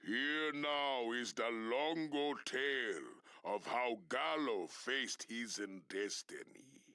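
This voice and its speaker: A man's voice: medium pitch, pushed and bright, clear, resonant tone, dry recording, clean studio sound. A man voicing a solemn amphibian alien chief who narrates a legend in broken pidgin for a video game. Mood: solemn storytelling. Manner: broken pidgin speech, deliberate storytelling.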